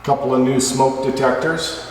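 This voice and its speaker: A man's voice: mid-range voice, steady tone, normal speed. A man hosting a casual, matter-of-fact walkthrough of a house as its owner, listing details item by item. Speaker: property owner and video host. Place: indoors in an empty house. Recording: very echoey empty house, faint noise.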